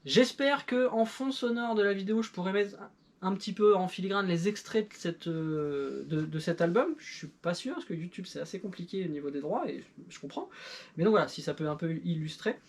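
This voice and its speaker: A woman's voice: lowish voice, brisk, a little mellow. A middle-aged woman in casual chat, reviewing an old record with her child in a playful, self-mocking way with many fillers. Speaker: YouTuber and parent.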